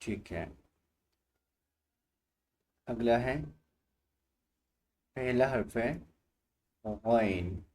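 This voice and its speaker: A man's voice: mid-range voice, very slow, pauses often, darkish tone. A man teaching Quran reading letter by letter, patiently repeating each letter and asking the learner to say it aloud. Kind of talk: slow letter-by-letter recitation lesson.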